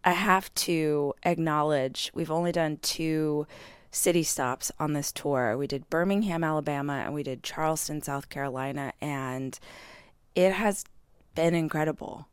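A woman with a low voice talks candidly to her podcast listeners in a chatty, self-deprecating way. Her throat sounds swollen and scratchy, strained from overuse. The sound is close and dry. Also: a little slow, clear, resonant tone, no room sound. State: vocally strained from hours of speaking on tour. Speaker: podcast host. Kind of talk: chatty solo podcast monologue. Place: hotel room.

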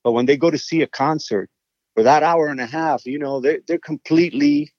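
A man with a mid-range voice tells a songwriter's stories in a relaxed interview, animated and prone to repeating words when excited. The sound is dry and a little dull, with no room around it. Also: fairly high pitch, brisk, dry recording. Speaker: songwriter and guest. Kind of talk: casual interview storytelling.

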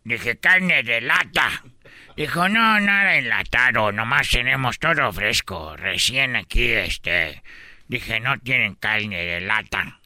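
A man voicing a boastful foreign street-food vendor with a thin, singsong delivery, telling deadpan absurd jokes in a radio comedy sketch. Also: medium pitch, takes it slowly, no room sound, clean studio sound, full character voice. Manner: deadpan absurd jokes, acting out other voices. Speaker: comic character.

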